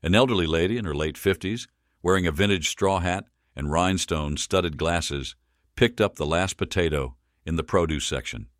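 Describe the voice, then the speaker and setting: A man narrating an audiobook in a measured, deliberate reading. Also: deep voice, fairly bright tone, no room sound, studio quality. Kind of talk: scripted narration.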